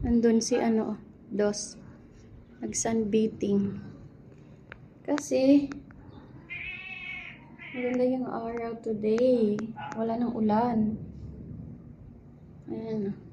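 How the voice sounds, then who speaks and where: Lady baby-talking her cats outside, slow and mellow, bit of faint noise. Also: a little high, muffled recording. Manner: coos and sing-song baby talk to her cats, mixing Filipino and English. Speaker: vlogger filming her cats. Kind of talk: casual baby talk to pets. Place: outdoors, breezy sunny spot.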